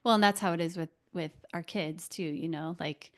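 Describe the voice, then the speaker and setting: Affirming woman podcast host, low-pitched. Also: normal speed. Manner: warmly affirming, laughs along. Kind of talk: casual interview chat.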